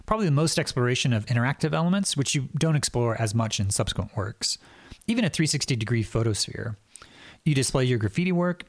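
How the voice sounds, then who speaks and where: A male interviewer with a medium-pitched voice asks thoughtful, appreciative questions. The recording is dry and close. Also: no room sound.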